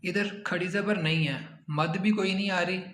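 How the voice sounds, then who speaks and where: Man going through quran recitation letter by letter, high voice, echoey room. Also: steady tone, a bit bright, slight background noise. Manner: slow, drawn-out chanting when reciting. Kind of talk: spelling out Arabic words letter by letter.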